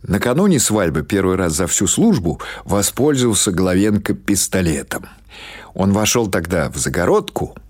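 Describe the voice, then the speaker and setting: This audiobook narrator is a man with a deep, darkish voice and a breathy edge, reading literary prose in scripted storytelling fashion. Music runs behind his voice.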